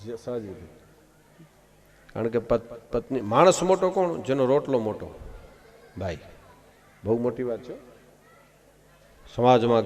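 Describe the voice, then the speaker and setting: Animated man telling folk tales. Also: fairly low pitch. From Gujarat. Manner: animated storytelling, acts out voices of wife and husband, rises loud in punchlines. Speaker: katha storyteller. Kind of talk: devotional discourse with folk anecdotes. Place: live outdoor religious gathering.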